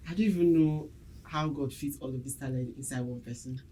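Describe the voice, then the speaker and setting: A man's voice: mid-range voice, a little fast, warm tone, a little hiss or hum, low-quality recording. A young man with a Nigerian accent, co-hosting a podcast in casual chat, talkative and joking. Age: young adult. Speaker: podcast co-host.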